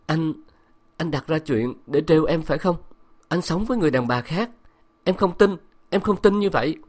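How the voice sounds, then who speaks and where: A man voicing a distraught young wife who speaks in a high, strained, tearful way. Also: animated, normal speed, natural voice. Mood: stunned.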